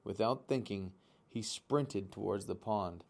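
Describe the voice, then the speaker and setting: Gravelly man reading a storybook. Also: lowish voice, a little slow. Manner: expressive, talks to listeners directly. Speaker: audiobook reader. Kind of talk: storybook read-aloud with asides.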